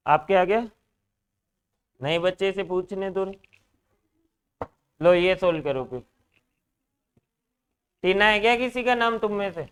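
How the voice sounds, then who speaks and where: High-voiced man teasing his class. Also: clean tone. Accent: Rajasthani Hindi. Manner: joking, teasing students, lively classroom banter. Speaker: reasoning teacher. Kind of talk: classroom lecture with students. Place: classroom with students.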